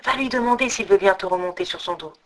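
A woman voicing a calm, helpful talking chicken in a storybook tale, giving matter-of-fact advice. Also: medium pitch, fast talker, lightly acted. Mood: advising.

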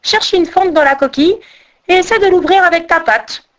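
A woman playing a little male water bird, storybook, high voice, eager, stern in the end. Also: normal speed. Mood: advising. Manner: eager then quietly stern. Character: small, patient male water rail, hungry and wronged.

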